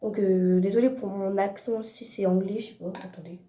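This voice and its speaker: A woman's voice: mid-range voice, steady tone, brisk, mellow, echoey room. A teenage girl giving a casual makeup tutorial at home, chatty and hesitant, searching for words and correcting herself. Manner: chatty, hesitant, many fillers and self-corrections. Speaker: beauty vlogger.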